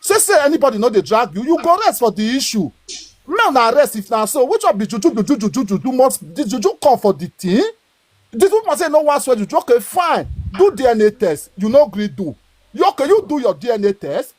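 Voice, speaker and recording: A man's voice: very high voice, sing-song, fairly quick. A man in his forties with a Nigerian accent argues indignantly in Nigerian Pidgin on a social media live, repeating words and stammering. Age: 40s. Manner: indignant, repetitive, stammers when worked up.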